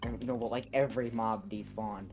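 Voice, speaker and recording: A man's voice: on the low side, fairly quick. A man chatting and teasing his friends while playing a game. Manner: teasing, animated. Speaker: gamer. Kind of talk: casual gaming chat with friends.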